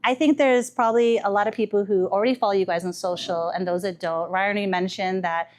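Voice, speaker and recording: A woman in her thirties moderating a live panel conversation, chatty and quick to laugh. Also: mid-range voice, a little hiss or hum. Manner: lively, laughs often, chatty fillers.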